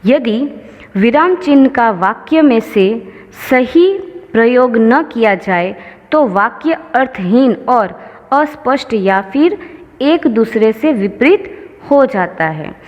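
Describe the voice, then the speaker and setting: A woman teacher explains grammar with slow, patient care, going over every example. Her voice sits a little high. The sound is dull and lo-fi, with a long reverb trailing each word. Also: expressive. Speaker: school teacher.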